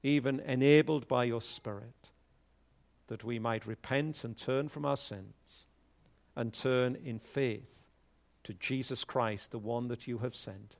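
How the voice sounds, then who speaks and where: A man speaking at a pulpit microphone, a pastor leading prayer and reading scripture in a measured, solemn way. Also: medium pitch, fairly even intonation, creaky. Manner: measured, solemn liturgical delivery.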